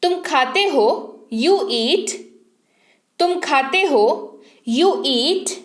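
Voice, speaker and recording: A woman teaching an online English speaking class, reading each phrase slowly and repeating it twice for learners to copy. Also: sits high, expressive, fairly bright tone, roomy sound. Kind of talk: spoken English lesson.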